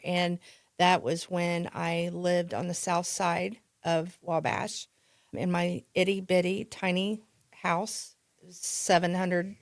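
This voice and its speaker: A woman's voice: on the low side, no room sound, clean studio sound. A woman with a Midwestern American accent, a podcast guest telling a story in a chatty, casual way. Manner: chatty, with restarts and laughs. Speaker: podcast guest, real estate agent.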